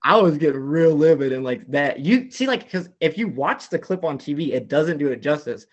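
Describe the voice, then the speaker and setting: A man's voice: on the high side, moderate pace, dull audio. A man guest on a casual talk show, telling a long story full of "like" fillers. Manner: rambling, many "like" fillers, animated retelling. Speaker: podcast guest.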